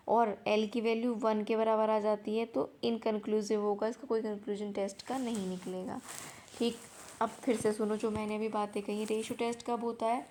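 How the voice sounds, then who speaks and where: A woman's voice: a little high, dark tone. Woman teacher explaining math step by step. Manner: explains step by step, often checks understanding, repeats points slowly. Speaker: maths teacher. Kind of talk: exam revision lecture.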